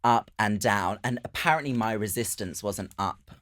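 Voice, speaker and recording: A man with a notably deep voice hosts a podcast conversation. He tells stories with gusto and switches into reading a book passage aloud. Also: moderate pace, fairly bright tone. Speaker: podcast host.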